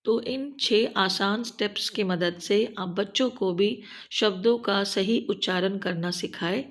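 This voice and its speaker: A woman with a Hindi-speaking Indian accent, narrating a scripted lesson for teachers and explaining each step in a steady way. She slows down to spell out English terms. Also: medium pitch. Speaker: teacher trainer.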